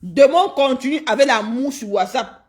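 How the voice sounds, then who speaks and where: A woman, ranting and taunting in a mocking gossip stream, repeating her jabs with loud outbursts. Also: high-pitched, normal speed.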